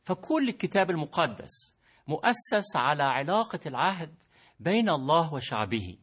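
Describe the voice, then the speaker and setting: A man's voice: fairly high pitch, very animated, normal speed, a bit bright, breathy edge. A man explaining a theological point in an earnest, formal manner.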